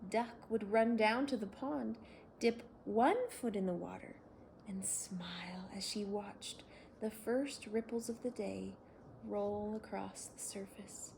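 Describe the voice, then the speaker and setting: A woman who hosts and reads children's stories delivers a bedtime tale slowly, her voice fairly low for a woman. She phrases things gently and expressively for young listeners. Background noise is clearly audible in the recording.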